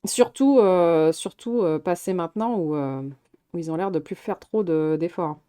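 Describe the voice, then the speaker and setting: A woman live-streamer chats loosely about films, swearing, laughing a lot, restarting sentences and reacting to her chat. Her voice is on the low side, warm and clean, at a moderate pace.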